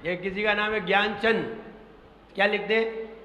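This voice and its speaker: A man's voice: high-pitched, fairly even intonation, moderate pace, pushed and bright, slight background noise. A man gives a sermon on pronunciation. He repeats himself, quizzes his listeners and spells words out letter by letter. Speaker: Jain monk preacher. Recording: echoey hall with long reverb.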